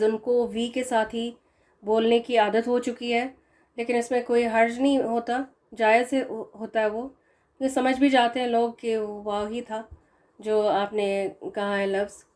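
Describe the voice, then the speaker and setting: A woman's voice: on the high side, fairly even intonation, darkish tone. Patient woman teaching pronunciation. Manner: patient, repeats example words slowly. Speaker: Quran recitation teacher. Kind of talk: explaining pronunciation lesson.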